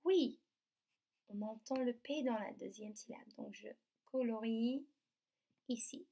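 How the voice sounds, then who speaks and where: Slow, patient woman teaching children. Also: a little high, vocal fry, mellow. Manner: slow, stretches words out, sounding out letters. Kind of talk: remote lesson for young children. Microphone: computer mic.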